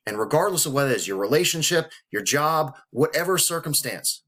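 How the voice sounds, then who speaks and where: This vlogger, a man in his thirties, speaks to camera in a fairly quick, animated voice that sits on the high side with a fairly bright tone. Earnest and emotional, he blends blunt swearing with heartfelt, motivational talk while fighting back tears.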